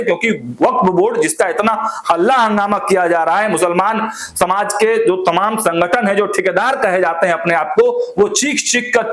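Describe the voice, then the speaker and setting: A man's voice: high voice, fairly bright tone. A man commentating on political news, walking viewers through points step by step and speaking to them directly. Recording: echoey room.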